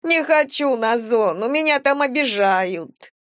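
A woman's voice: fairly high pitch, expressive, measured pace, fairly bright tone, no echo, clean studio sound, pitched above the performer's own voice. A woman doing a whiny, sly homeless woman. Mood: whining. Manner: whining, wheedling, sly. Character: whiny cunning homeless woman, middle-aged. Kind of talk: audiobook character voice.

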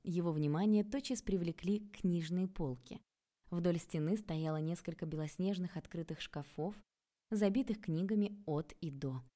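A woman reading an audiobook aloud in a calm, even storytelling manner. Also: on the low side, normal speed. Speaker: audiobook narrator. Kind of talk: scripted narration.

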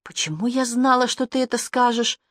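A woman's voice: fairly high pitch, fairly quick, no echo, clean studio sound, voice pushed up, lightly acted. A woman voicing a nervous, timid teenage girl. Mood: anxious.

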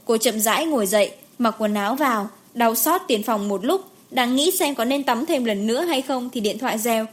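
Woman reading a novel out loud, steady storyteller, a bit high. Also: normal speed. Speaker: audiobook narrator. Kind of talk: scripted narration.

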